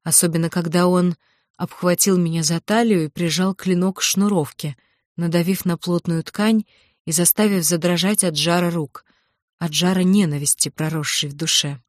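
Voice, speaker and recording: A woman reading a first-person audiobook in a measured, tense storytelling manner. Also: on the low side, steady tone, no room sound, studio quality. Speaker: audiobook narrator.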